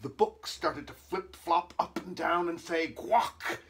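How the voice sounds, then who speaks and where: A man reading a children's picture book aloud with animated, expressive narration. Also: on the high side, unhurried, vocal fry. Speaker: storybook reader.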